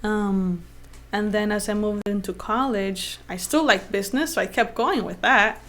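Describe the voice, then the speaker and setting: A young adult woman from Honduras, guest on an interview show. She speaks in a lively, easygoing way, laughing often and filling gaps with ums. Her pitch sits in a middle range for a woman. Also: moderate pace. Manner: animated, laughs easily, fillers like um. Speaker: financial advisor guest. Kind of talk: casual interview conversation.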